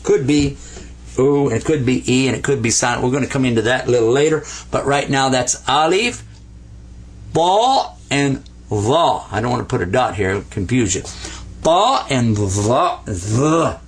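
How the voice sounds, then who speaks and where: Lively older man teaching letters. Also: medium pitch, a little fast, breathy edge. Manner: lively, playful, coaxing learners to repeat sounds. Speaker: Arabic teacher. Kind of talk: classroom letter lesson at a board.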